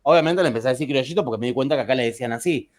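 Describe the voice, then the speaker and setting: A man's voice: medium pitch, racing. A man with an Argentine Spanish accent, telling joking anecdotes to a class. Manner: chatty, joking, with frequent restarts. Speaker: teacher.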